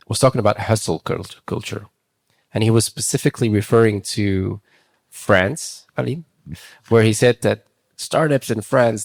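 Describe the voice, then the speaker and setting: A man's voice: lowish voice, vocal fry. A man talking conversationally and anecdotally in a casual panel discussion.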